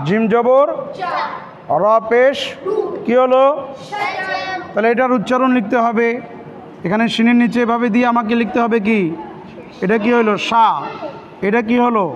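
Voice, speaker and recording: A man teaching children a pronunciation lesson, spelling letters and repeating each word, and asking questions before answering them himself. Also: very high-pitched. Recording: dull lo-fi with loud noise.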